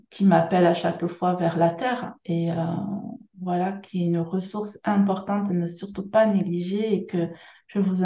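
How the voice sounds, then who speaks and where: A woman from France with a southern French accent, speaking gently and haltingly as a guest on a video-call interview, with many pauses and fillers. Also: fairly low pitch, reverberant, dull audio. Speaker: guest workshop leader. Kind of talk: hesitant conversational interview.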